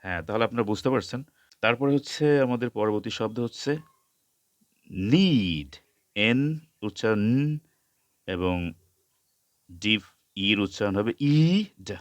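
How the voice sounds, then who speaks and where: A man teaching English pronunciation, spelling out sounds slowly and repeating each word several times. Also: on the low side, animated, no echo. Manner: mixes Bengali explanation with English words. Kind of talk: slow spoken lesson, spelling out sounds.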